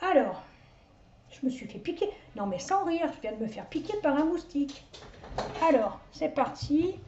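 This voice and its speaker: Une femme d'âge mûr, médium, qui bavarde et digresse avec autodérision en tirant les cartes chez elle. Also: female voice, high voice, big pitch swings, moderate pace, dark tone, slight background noise. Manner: chatty, rambling, self-mocking asides. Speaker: psychic medium doing a card reading. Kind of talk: casual chatty live reading. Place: at home, indoors. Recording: dull lo-fi home recording.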